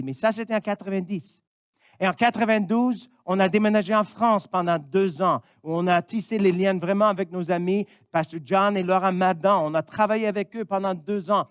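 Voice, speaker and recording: A man's voice: high voice, clear, resonant tone, no room sound. A man in his fifties from Missouri, a pastor, preaching a sermon in an earnest way and often saying amen. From Missouri, United States.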